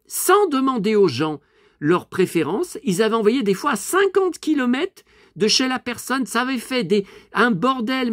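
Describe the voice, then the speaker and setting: A middle-aged man talking to camera in a loose, rambling vlog, blunt and quick to swear, with lots of fillers and restarts. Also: sits high, no room sound, studio quality. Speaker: vlogger. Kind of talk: casual rambling vlog monologue.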